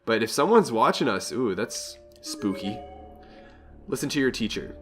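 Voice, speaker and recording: Soft music plays under a young man's mid-range, slightly bright voice, which has a sing-song lilt at a normal pace. He's hosting a let's play with a cold that makes him a bit nasal, chatting, reasoning out loud, and reading the game text.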